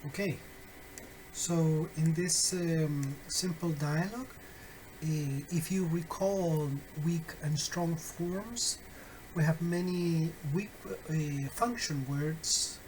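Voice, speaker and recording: A man walks through a phonetics lesson at an unhurried pace. He pauses often and keeps checking that his listeners follow. A faint hiss of room noise sits under his voice. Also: a little high, a little mellow, low-quality recording. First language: Spanish. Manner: slow, patient, many "uh" fillers and "okay?" checks. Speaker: phonetics teacher. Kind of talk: recorded online lecture.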